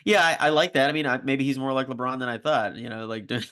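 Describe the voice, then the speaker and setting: A man co-hosting a casual sports podcast, talking in a relaxed, hedging way with many restarts and sudden bursts of emphasis. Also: mid-range voice, fast. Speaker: podcast co-host.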